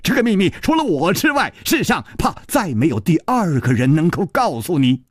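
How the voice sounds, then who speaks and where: A man's voice: high-pitched, big pitch swings, moderate pace, dry recording, studio quality, voice pushed up. A man voicing a clever, trapped male hero who speaks in a wry, sighing way.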